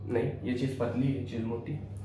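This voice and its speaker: A man's voice: medium pitch, level tone, fairly quick, warm tone, heavy reverb, slight background noise, poor audio. A man teaching chemistry in a classroom lecture, quizzing his students and answering his own questions.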